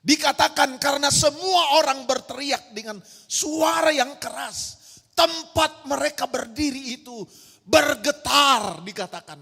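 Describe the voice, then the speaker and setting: A woman's voice: high voice, measured pace, gravelly, sharp tone. A woman pastor preaching an emphatic sermon, firing rhetorical questions at her congregation in a large church hall. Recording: long church-hall reverb.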